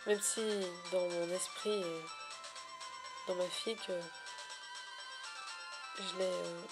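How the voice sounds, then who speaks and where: A woman vlogging about her shiny hunts in a wordy, elaborate way, pausing often with hesitations and gushing affectionately at times. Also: fairly low pitch, little pitch movement, music in the background. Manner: ornate, wordy phrasing with frequent hesitations. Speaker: Pokémon shiny hunter vlogger. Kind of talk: casual vlog narration.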